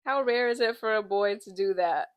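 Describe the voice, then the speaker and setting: A woman's voice: mid-range voice, normal speed. A young woman co-hosting a casual book chat, quoting scenes and riffing on them with playful indignation. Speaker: book podcast co-host.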